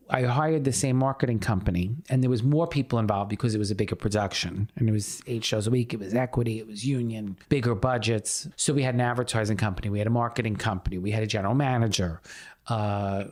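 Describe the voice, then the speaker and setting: A man as an interview guest, telling his story in a casual, animated way and often restarting his sentences. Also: mid-range voice, fast talker. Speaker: theater producer and playwright guest.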